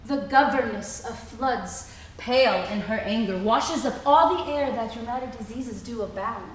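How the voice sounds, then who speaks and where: High female voice, actress as jealous fairy queen, theatrical verse delivery, indignant, distant echoey stage recording. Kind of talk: Shakespearean verse stage acting. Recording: very echoey hall, far from mic.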